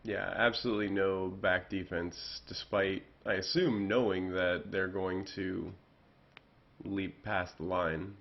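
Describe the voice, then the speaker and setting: A man's voice: deep voice, fairly even intonation, slow pace. A man doing casual play-by-play commentary on a video game, rambling and correcting himself with fillers. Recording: dull lo-fi audio.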